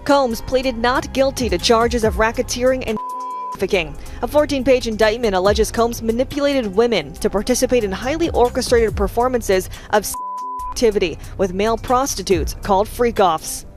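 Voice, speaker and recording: A woman's voice: on the high side, moderate pace, over music. A woman reading a scripted report as a television news reporter.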